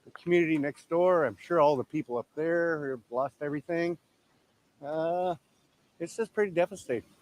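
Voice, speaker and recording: A man who lost his home to fire, speaking quietly and haltingly in a news interview. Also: a little high, poor audio.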